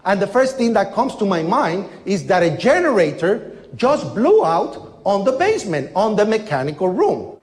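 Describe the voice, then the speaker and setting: A husky middle-aged man in an interview gives an emotional eyewitness account. His raised voice swoops up and down as he acts out bangs and shouts. He tells it in a lively, dramatic way. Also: sits high, normal speed, few pauses. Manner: animated storytelling that acts out sounds and shouts. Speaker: former building janitor recounting his experience.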